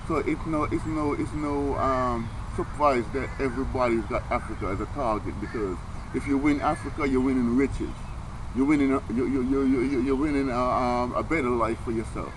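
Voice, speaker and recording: Rasta guy rambling n preaching to his camera, stutters and repeats words a lot, mid pitch, noisy outside w cars. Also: normal speed. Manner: Rasta speech, earnest and preaching, with street phrasing; stammers, often repeating words several times. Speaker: vlogger. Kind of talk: casual rambling monologue to camera. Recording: noisy, outdoor traffic ambience.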